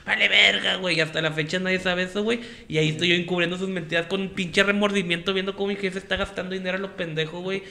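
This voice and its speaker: A man's voice: high voice, little pitch movement, bright, forceful tone. A young man with a Monterrey accent telling stories in a casual chat, joking and full of slang. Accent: northern Mexican, Monterrey. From Mexico. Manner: rapid joking storytelling, heavy slang.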